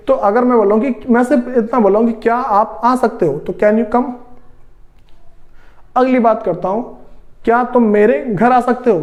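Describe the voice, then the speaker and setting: A man with a high voice teaches English grammar to his students. He talks slowly, repeats each rule, and keeps clearing his throat between the steps. His first language is Hindi. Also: darkish tone. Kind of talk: spoken grammar lesson.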